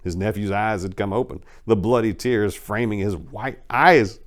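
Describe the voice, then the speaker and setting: With a lowish voice at a moderate pace, a man hosting a show performs a dramatic reading of crime fiction he wrote himself. Between passages he chats with listeners, emphatic, colloquial and folksy.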